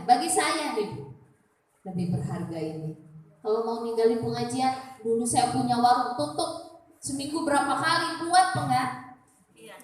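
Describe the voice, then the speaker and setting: A woman teaching a religious study group for women, speaking conversationally with tag questions and quiet, humble prayers voiced aloud. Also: sits high. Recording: very echoey room, voice from far off, faint noise.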